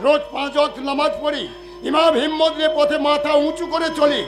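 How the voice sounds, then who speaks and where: A pious older official speaks in a high, declamatory voice that sounds fatherly. He stays upright and proud. Stage music plays behind him. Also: flat delivery, fast talker. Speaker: government inspector. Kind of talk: jatra stage acting.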